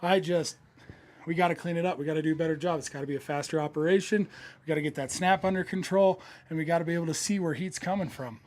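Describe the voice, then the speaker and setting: A man's voice: on the high side, fast. A man, a football coach, talking candidly and a little out of breath in a postgame interview. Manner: candid, laughing, plainspoken.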